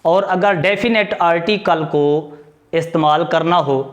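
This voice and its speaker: A man's voice: fairly high pitch, a little slow. A man teaching a video grammar lesson, patiently explaining and repeating key points, asking questions and answering them himself. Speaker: English teacher.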